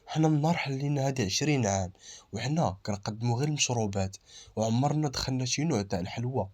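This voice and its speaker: A man voicing a polite, kindly older woman who runs a café, in a husky voice. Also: medium pitch, racing, darkish tone, lightly acted.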